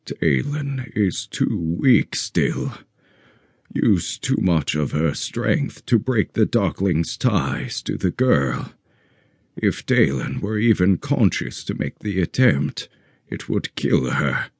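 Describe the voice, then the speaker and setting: A man voicing a stern, commanding male guardian mage with a measured, grave delivery. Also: lowish voice, very animated, breathy edge, no echo, clean studio sound, full character voice. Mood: grieving.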